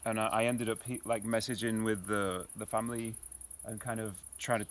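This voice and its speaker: Relaxed British man, rambling tour. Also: on the low side, moderate pace. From United Kingdom. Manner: relaxed, rambling, many ums. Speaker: architect giving a house tour. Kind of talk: casual guided tour. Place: outdoors in the countryside.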